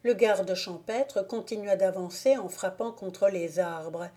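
A woman narrates a classic novel for a free audiobook. Her voice is mellow and warm, of middling pitch. She reads very slowly and carefully, in a soft-spoken, measured way. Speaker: audiobook reader. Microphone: home recording, volunteer reader.

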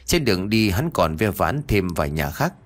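A man narrating a horror story in a steady, dramatic reading voice. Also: low-pitched, normal speed.

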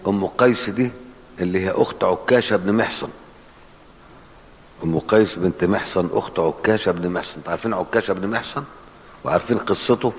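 A man with a low voice and an Egyptian Arabic accent explains hadith to a class in a colloquial, questioning style. A long reverb hangs on his words, as in a large hall. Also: fast. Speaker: sheikh teaching hadith.

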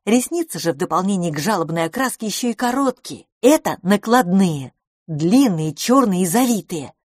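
A woman reading the part of a confident, boastful beauty salon owner in an audiobook, speaking briskly and emphatically. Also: medium pitch, animated, a little mellow, no echo, clean studio sound, natural voice.

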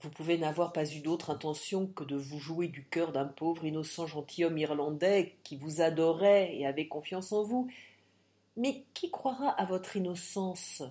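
Woman reading a bold adventurer wooing by threats, audiobook, mellow low voice. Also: normal speed, natural voice. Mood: impassioned. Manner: impassioned, threatening. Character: bold passionate Irish adventurer gentleman.

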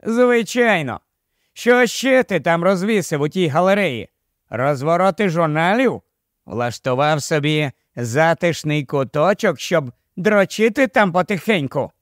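A man's voice: on the high side, expressive, measured pace, no room sound, clean studio sound. A man reading an audiobook, voicing a brash, foul-mouthed young male friend who jokes in crude, mocking banter. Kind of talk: audiobook character voice.

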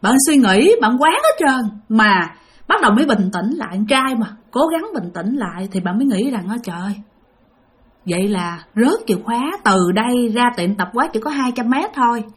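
A woman narrates a ghost story with drama, speaking straight to her listeners. Her voice is on the high side, expressive, and fairly quick.

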